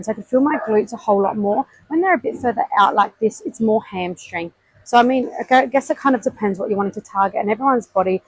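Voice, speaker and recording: A woman's voice: medium pitch, husky, no room sound, rough recording. A woman vlogging her gym workout on a body-worn mic, counting her reps aloud and explaining technique while out of breath between sets. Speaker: fitness vlogger. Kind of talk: casual workout vlog with coaching tips. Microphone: clip-on mic worn on body.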